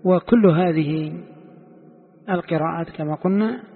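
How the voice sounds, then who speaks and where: Brief: male sheikh, lesson delivery, slightly high voice, quizzing students, echoey lo-fi hall. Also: slightly rough. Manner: quizzes students and repeats key points slowly. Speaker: sheikh teaching Quran commentary. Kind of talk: classroom lesson. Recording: echoey hall, tinny phone-like sound.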